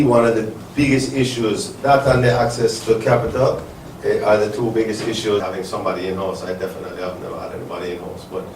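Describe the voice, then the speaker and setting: A man from Jamaica speaking at a business symposium, answering audience questions in an earnest, rambling way with many restarts. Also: mid-range voice. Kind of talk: live panel talk answering audience questions. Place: resort event hall. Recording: echoey event hall from far off, faint noise.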